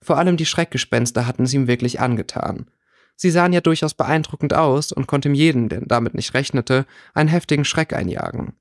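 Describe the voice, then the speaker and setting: A man's voice: medium pitch, brisk. Man reading a story aloud. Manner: steady, with small slips. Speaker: audiobook reader. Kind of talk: reading fan fiction aloud.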